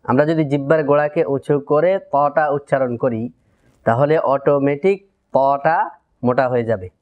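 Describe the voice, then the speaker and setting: A man teaching Quran pronunciation in a methodical tajweed lesson, repeating syllables deliberately for learners to copy. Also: mid-range voice, narrow, tinny audio. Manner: drills letter sounds, repeats syllables deliberately.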